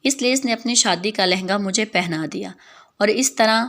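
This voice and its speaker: Gravelly-voiced woman telling a story. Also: medium pitch, fairly bright tone. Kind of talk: first-person dramatic story narration.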